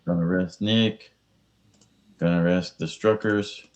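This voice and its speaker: A man's voice: low-pitched, steady tone, slow pace, muffled recording. A man playing a tabletop miniatures game, calling out his moves in casual chat and joking to his pieces.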